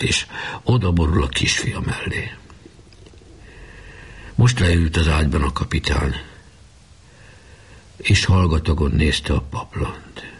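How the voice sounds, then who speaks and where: A man reading a novel aloud in a calm, measured audiobook narration. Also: very deep voice, vocal fry, breathy edge.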